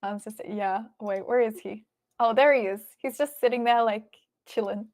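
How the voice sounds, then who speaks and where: Casting: female livestream host, Australian accent, slightly high voice, informal off-the-cuff chat. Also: steady tone, moderate pace, a little mellow. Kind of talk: casual livestream chat, reading and answering viewer messages.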